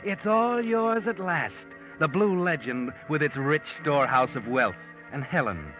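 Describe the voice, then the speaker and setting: A man's voice: fairly high pitch, expressive, a little slow. A man voicing a mysterious narrator who speaks ominously to the guilty in a 1940s radio drama. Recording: dull old radio broadcast with music.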